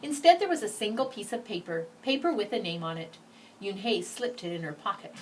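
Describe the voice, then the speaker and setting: A woman with a mid-range voice reads a children's story aloud, phrasing it deliberately and emphatically with a very lively, varied melody. The mic is a little distant, and faint noise sits behind her.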